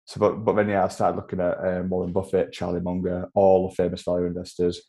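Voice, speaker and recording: Podcast guest: Yorkshire man in his twenties, deep mellow voice, chatty and self-deprecating. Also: monotone, quick pace. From Yorkshire, England. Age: 20s. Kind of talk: casual interview chat.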